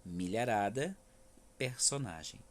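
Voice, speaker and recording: A man's voice: lowish voice, animated, slow pace. A male primary school teacher with a Brazilian Federal District accent, giving a remote class and patiently checking in with his students after each point. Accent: Brazilian Portuguese, Federal District. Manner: patient, stresses words syllable by syllable, frequent "tá?" checks.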